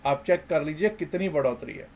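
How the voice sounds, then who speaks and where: Animated man, rising rhetorical questions. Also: fairly high pitch, fairly quick. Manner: animated, rhetorical questions, swings between loud and soft. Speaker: market analysis host. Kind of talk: emphatic commentary.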